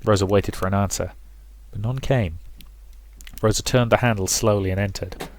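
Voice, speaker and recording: A man reads a visual novel aloud for a let's play, turning it into dramatic storybook narration mixed with his own commentary. His voice is on the low side, with fairly even intonation and a normal pace.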